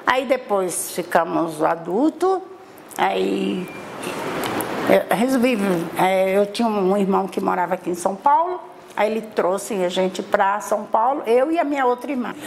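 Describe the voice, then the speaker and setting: A woman's voice: medium pitch, animated, measured pace, gravelly, darkish tone, slight background noise. A middle-aged woman from Bahia telling her life story in an interview, chatty, with many tag questions and restarts. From Salvador, Bahia, Brazil. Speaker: interviewee, mother.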